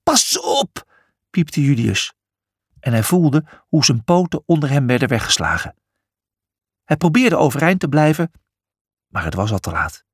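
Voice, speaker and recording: A man's voice: medium pitch, sing-song, moderate pace, pauses often, breathy edge, dry recording, studio quality. A man narrating a children's adventure story, reading expressively.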